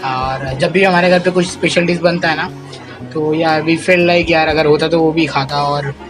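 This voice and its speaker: A man's voice: on the high side, fairly even intonation, normal speed, over music. A young man vlogging casually at home with his family, chatty and comforting, slipping English phrases into his talk.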